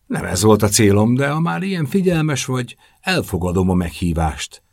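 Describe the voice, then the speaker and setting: A man voicing a gentle, wistful young woman in love, with a soft, dreamy and pleading manner, in an audiobook reading. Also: mid-range voice, sing-song, vocal fry, dry recording, clean studio sound, pitched above the performer's own voice. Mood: tender, wistful.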